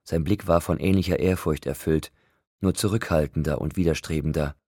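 Deep, husky male audiobook narrator. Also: fairly even intonation, brisk, dark tone, no room sound, studio quality.

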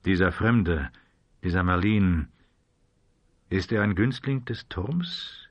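A grim, driven gunslinger, played by a man in an audiobook. He asks short, pressing questions in a husky, lowish voice. The recording is dry and close. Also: animated, slow, no echo, highs cut off, heavily acted. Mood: probing. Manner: terse, insistent questions. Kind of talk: audiobook character voice.

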